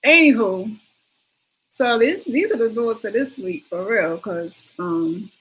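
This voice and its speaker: A woman's voice: a little high, lively intonation, slow, poor audio. Chatty woman rambling on a livestream. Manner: rambling, chatty, addresses viewers directly. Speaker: livestream host. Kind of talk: casual livestream chat.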